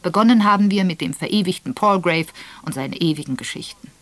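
A woman's voice: fairly low pitch, fast, dry recording, voice pushed up, close to an everyday voice. A woman doing a blunt, rude old rich man. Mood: blunt, commanding.

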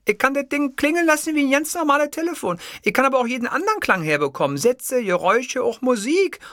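A man voicing a young female secretary who answers in a flat, matter-of-fact way. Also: very high-pitched, fast, no echo, studio quality, pitched above the performer's own voice, exaggerated voice. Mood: sniffly. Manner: unfazed, sniffly replies.

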